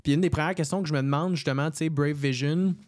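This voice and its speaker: A man's voice: on the high side, fast, darkish tone, no echo, clean studio sound. A man with a Québécois French accent hosting a casual interview podcast, chatty and full of fillers. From Quebec. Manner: chatty, friendly, many fillers. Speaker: podcast host.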